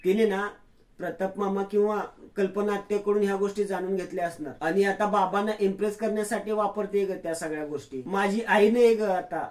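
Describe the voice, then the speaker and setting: A man's voice: sits high, steady tone, brisk, darkish tone, close to an everyday voice. A man voicing a tearful, resentful young woman in a retold TV serial, with a raised, plaintive voice. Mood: tearful, bitter.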